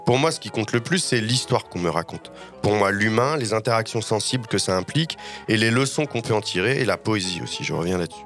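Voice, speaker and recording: A fairly low-voiced man reads his podcast column, opinionated and wry, with a self-mocking streak. Faint music sits underneath him. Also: lively intonation, quick pace, fairly bright tone. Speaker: podcast critic.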